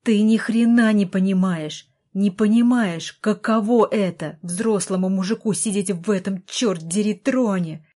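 A woman voicing a bitter, angry young man in a wheelchair who shouts coarsely, in an audiobook. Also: mid-range voice, takes it slowly, hardly any pauses. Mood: furious.

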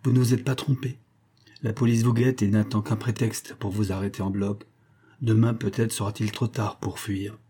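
A man's voice: on the low side, level tone, normal speed, dark tone, slightly rough. A man voicing a cold, authoritative male billionaire who gives curt orders in a raised voice. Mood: icy, commanding.

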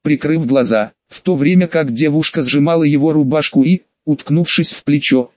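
A man narrating an audiobook in a steady reading voice. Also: a little high, moderate pace, no room sound. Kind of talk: scripted narration. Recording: dull dry close recording.

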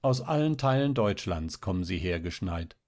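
A man doing a brisk, impatient mother. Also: low voice, animated, a little mellow. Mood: musing. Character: middle-aged mother, practical and impatient.

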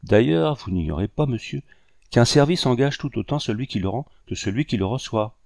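A man reading aloud voices an earnest young lady of colonial society, speaking gently and pleadingly. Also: medium pitch, animated, fairly quick, vocal fry, no echo, studio quality. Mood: timid insistence.

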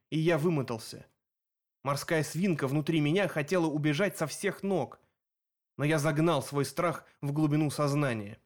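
A man narrates a first-person adventure audiobook with steady, vivid storytelling. His voice sits slightly above the usual male range. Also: a little high.

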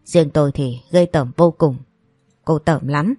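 A woman's voice: low voice, unhurried, warm tone, dry recording, clean studio sound, faint music behind. Spiteful jealous young woman, read by a woman. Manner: sneering, insulting.

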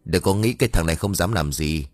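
Man voicing a drunk young man, aggressive, threatening, low voice, dry close sound. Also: quick pace, dry recording, faint music behind, natural voice. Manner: surly, threatening.

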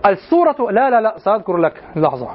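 A man's voice: high-pitched, very animated, fast talker, lo-fi sound, a little hiss or hum. A male teacher giving a classroom lecture on classical poetry, explaining step by step and often checking that students follow. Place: lecture room at an institute.

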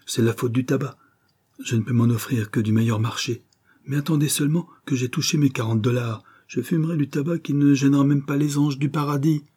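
A man's voice: mid-range voice, brisk, a little mellow, husky, voice pushed up, close to an everyday voice. A man reading a novel aloud, voicing an eager young sailor who has become a writer. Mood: earnest. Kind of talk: audiobook character reading.

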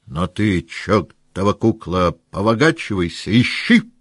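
A man voicing a hot-tempered hussar officer who shouts in furious outbursts and burrs his r sounds. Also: low voice, very animated, a little slow, breathy edge, no room sound, studio quality, exaggerated voice. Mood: furious shouting. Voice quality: burred, swallowed r sounds.

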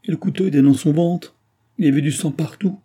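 A man's voice: moderate pace, dark tone, husky. A man reading an audiobook voices a distraught young woman who owns a bar, tearful and pleading. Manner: tearful, pleading, rising pitch.

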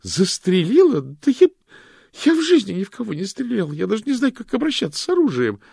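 A man voicing a frightened female fortune-teller suspect who stammers and pleads in a shrill voice. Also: big pitch swings, a little fast, creaky, a little mellow, no room sound, studio quality. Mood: panicked confession.

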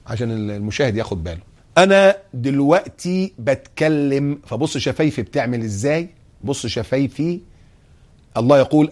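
A man with an Egyptian accent giving a religious lesson on a TV show, acting out little scenes and drawing out his recitations. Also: mid-range voice. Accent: Egyptian Arabic. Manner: animated, acts out scenes and recites slowly. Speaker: preacher. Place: TV studio.

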